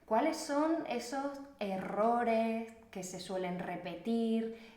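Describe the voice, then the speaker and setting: Chatty Extremaduran woman in an echoey room. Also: mid-range voice. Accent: Extremaduran Spanish. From Extremadura, Spain. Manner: chatty, playful, self-mocking. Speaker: Spanish teacher. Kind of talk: casual teaching video.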